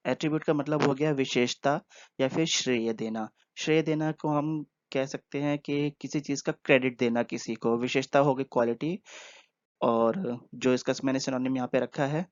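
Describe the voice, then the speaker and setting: A man who is teaching vocabulary in a casual, unhurried way, pausing often and using fillers as he explains. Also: medium pitch, dry recording. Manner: explains slowly with many pauses and fillers. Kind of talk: casual spoken vocabulary lesson. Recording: dull, dry, lo-fi voice-over.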